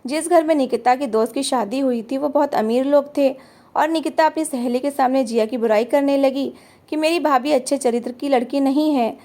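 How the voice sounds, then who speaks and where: A woman reading a family drama aloud as a storyteller, in steady scripted narration. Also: high-pitched, normal speed.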